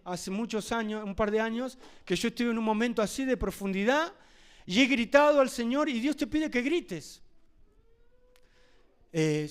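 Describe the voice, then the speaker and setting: A man preaching a sermon, addressing the congregation with rhetorical questions and swinging from loud emphasis to hushed asides. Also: high voice.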